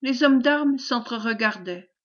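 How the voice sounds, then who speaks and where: Female audiobook narrator, fairly high voice, measured reading; muffled home audio. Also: expressive. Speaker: audiobook reader. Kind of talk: audiobook narration of a classic novel.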